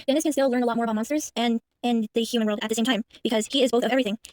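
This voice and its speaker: Fast-talking young woman rambling about a movie. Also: a little high, steady tone, a little mellow, dry recording, studio quality. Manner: rambling, lots of fillers, restarts. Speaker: movie reaction vlogger. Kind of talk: casual movie commentary.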